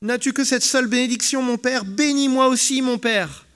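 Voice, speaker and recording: A man voicing a grown elder son who pleads loudly and bitterly in a scripture reading. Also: high voice, quick pace, clear, resonant tone, voice pushed up. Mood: bitter pleading. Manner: loud, pleading cries.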